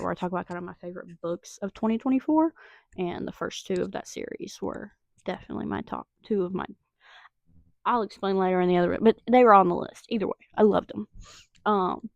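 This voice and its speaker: A young Southern woman talks through her month's reads in a loose, excitable chat. Her voice has a gravelly vocal fry and a close, dry sound with no room echo. She speaks at an average pitch for a woman. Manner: chatty and excitable, with frequent fillers. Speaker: book vlogger. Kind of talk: casual book review chat.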